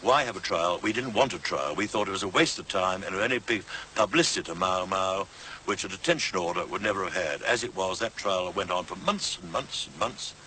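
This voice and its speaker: Blunt man with a deep, bright voice. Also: fairly quick, a little hiss or hum, poor audio. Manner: blunt, dismissive. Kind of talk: interview recollection.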